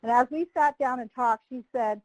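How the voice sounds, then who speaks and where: A woman and former prosecutor telling a personal story in a training webinar, acting out the dialogue in a lively way. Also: on the high side, moderate pace, dry recording, poor audio.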